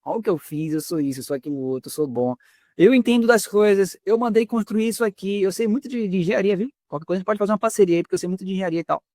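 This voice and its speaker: A smug, self-satisfied king boasts of his works in a high voice, as a preacher with a Brazilian accent puts him on, with a Brazilian accent. The sound is close and dry. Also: racing, dark tone, no room sound, lightly acted. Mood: boastful. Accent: Brazilian Portuguese. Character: boastful ancient male king bragging.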